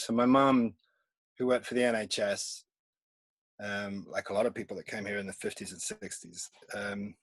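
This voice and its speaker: Guesting on a relaxed remote podcast, this husky-voiced comics artist rambles and breaks into frequent laughter between ideas. He is from England, speaks Polish as his first language, and has a mid-range voice with no room sound.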